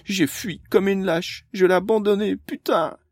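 A man's voice: mid-range voice, brisk, darkish tone, slightly rough, no room sound, voice pushed up, close to an everyday voice. A man voicing a frantic young woman on the run, talking urgently and close to tears. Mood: distraught.

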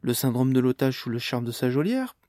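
A man's voice: medium pitch, sing-song, a little mellow, no room sound, clean studio sound, natural voice. A man voicing an awkward, hesitant man who stammers and trails off. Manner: stammering, halting.

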